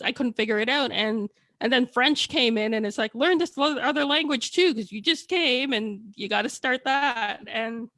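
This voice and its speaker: Appearing as a guest on a casual video call, a woman author whose first languages are a Chinese dialect and Tagalog tells her story candidly and ramblingly. Her voice is on the high side and fairly bright, and the recording is dry.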